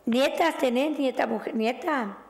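A woman's voice: sits high, a little slow, vocal fry, darkish tone. A middle-aged woman with a Rioplatense accent hosting a show as a tarot reader, affectionate and chatty with the caller, her voice still recovering from a loss of voice. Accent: Rioplatense Spanish. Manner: affectionate, chatty, calls caller "mi cielo", "querida". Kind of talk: on-air fortune-telling reading.

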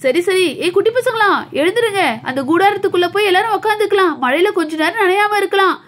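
A woman voicing dolls in a playful doll story, animated and fretful as she urges the children along. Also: extremely high pitch, quick pace.

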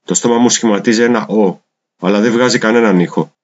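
A man reading translated poems aloud in a measured, deliberate recitation. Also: lowish voice. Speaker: poetry reader. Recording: dull lo-fi recording.

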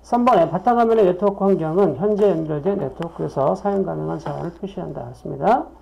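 A woman's voice: on the low side, fast, vocal fry. A woman lecturing on exam questions, reading each one aloud, then asking and answering her own questions. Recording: dull lo-fi recording.

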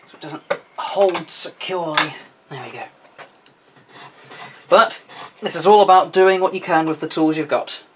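A man with a slightly raised voice talks through a woodworking job in his home workshop. He explains each step in a relaxed, chatty way and pokes fun at himself as he goes. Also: fairly high pitch, normal speed, pauses often, a little hiss or hum. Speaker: woodworking video host. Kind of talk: casual how-to demonstration.

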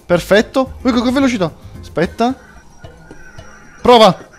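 A man's voice: extremely high pitch, measured pace, soft background music. A young man hosting a gameplay video, joking with a friend and breaking into theatrical yelps. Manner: jokey, theatrical, bursts into mock yelps. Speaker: gaming video host. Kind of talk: playful gameplay commentary with a friend.

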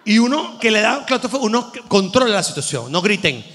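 A man's voice: sits high, big pitch swings, brisk, fairly bright tone, in a large hall. A man with a Venezuelan accent doing a rambling, exasperated, crude stand-up comedy monologue. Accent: Venezuelan Spanish.

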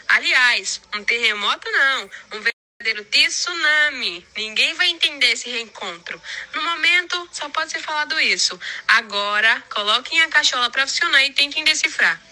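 A woman's voice: sits high, sharp tone, exaggerated voice. A woman voicing a mysterious, disembodied unseen voice that drops cryptic gossip hints in a teasing, theatrical way. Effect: disembodied voice heard without being seen. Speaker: recurring mystery-voice segment. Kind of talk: playful cryptic gossip teaser.

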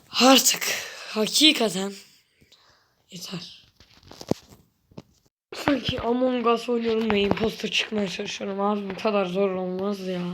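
A woman commenting casually on a game for her viewers, excitable and exasperated by turns. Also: fairly high pitch, noisy background. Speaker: gaming YouTuber.

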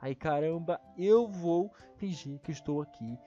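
A man with a Brazilian accent giving excitable Minecraft let's-play commentary, jumping to high-pitched yelps when alarmed. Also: a little slow. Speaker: gaming YouTuber. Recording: dull lo-fi voice with faint music.

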